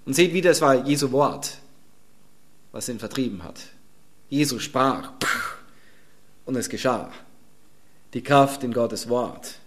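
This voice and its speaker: A man's voice: mid-range voice, lively intonation, slow pace, long pauses. A male pastor preaching a sermon in an emphatic, conversational way and chuckling between points.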